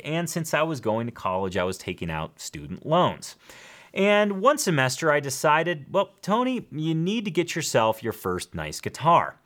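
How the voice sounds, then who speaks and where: A man with an American accent hosting a show in an emphatic, enthusiastic top ten countdown style. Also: mid-range voice. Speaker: guitar show host.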